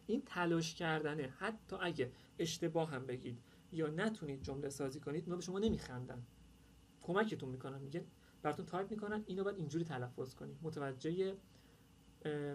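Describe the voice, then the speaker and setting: A man's voice: fairly high pitch, slight background noise. A man presenting an online workshop, explaining an app in a casual, chatty way with many hesitations. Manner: informal, chatty, many "uh" fillers. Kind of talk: casual screen-share tutorial.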